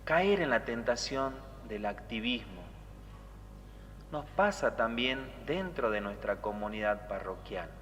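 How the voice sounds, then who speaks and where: A priest delivers a teaching sermon in a bright, forceful male voice. He keeps checking in with short rhetorical questions, while long church reverb and some background noise surround him. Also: mid-range voice, lively intonation, slow pace. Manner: didactic, with rhetorical tag questions.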